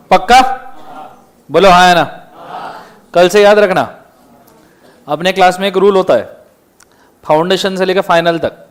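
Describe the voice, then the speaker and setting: Man, high-pitched, stern classroom lecturer, quizzing students. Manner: strict, scolding students, firing questions at the class. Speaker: law lecturer.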